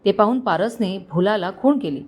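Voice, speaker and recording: A woman's voice: mid-range voice, lively intonation, moderate pace, a little mellow. A woman with a Marathi accent narrating a love story, reading every character's lines in her own voice with small shifts. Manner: reads all characters in one voice with small shifts.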